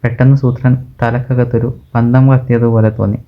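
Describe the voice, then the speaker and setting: A man narrates a children's comic book in plain storytelling fashion. His pitch stays flat. The recording sounds dull and muffled. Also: fairly quick. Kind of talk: comic book read-aloud.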